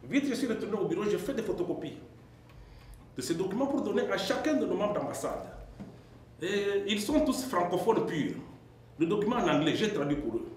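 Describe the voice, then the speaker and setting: A man's voice: high voice, big pitch swings, brisk, darkish tone. A man from the audience raising observations at a press conference, telling an example in an earnest, emphatic way. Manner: earnest, storytelling, rising with emphasis. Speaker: audience member asking a question. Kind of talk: long question from the floor. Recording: very echoey hall with faint noise.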